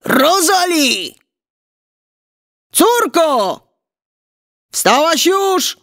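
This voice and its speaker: A woman voicing a huge giant father who calls out loudly after his daughter. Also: extremely high pitch, very animated, very slow, dry recording, clean studio sound, voice pushed up, full character voice. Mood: calling. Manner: calling out loudly. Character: huge bellowing male giant, angry father.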